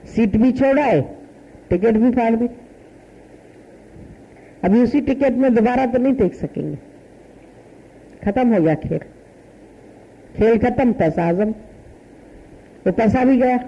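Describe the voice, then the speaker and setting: A woman spiritual teacher preaches a satsang, repeating short folksy phrases as she tells a story. Her voice is mellow and slightly husky. The recording is dull and lo-fi. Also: fairly high pitch.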